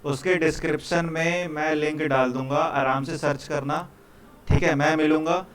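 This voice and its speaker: Guy from india teaching coding to a room full of students, chatty and informal, keeps checking they got it, slightly high voice. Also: fairly even intonation, normal speed, a bit bright. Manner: casual, repeats "ठीक है" and "भाई", coaxing students. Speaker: programming teacher. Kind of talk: live classroom lecture. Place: classroom.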